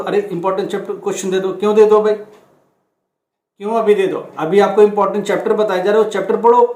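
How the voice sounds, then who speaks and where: A man's voice: sits high, a little mellow. A man talking casually to students, earnest and reassuring, warning them off scams. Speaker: education channel host. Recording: echoey room.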